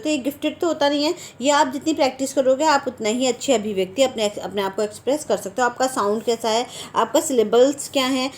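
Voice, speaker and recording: A woman teaching an exam-prep lecture in a lively way, asking her own questions and answering them. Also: a little high.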